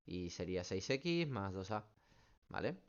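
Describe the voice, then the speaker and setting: A man's voice: sits low, very animated, a little slow, dull audio. A man, a math teacher working through student questions in an online class, explaining step by step and checking in often. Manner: patient, explains step by step, keeps checking with "¿vale?".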